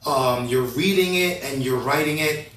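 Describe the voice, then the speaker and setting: A man in his thirties hosting a casual talk show, energetic and rambling, often restarting his sentences. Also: medium pitch, normal speed, echoey room, recorded from a distance, rough recording. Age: 30s. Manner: energetic, rambling, self-correcting. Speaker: host.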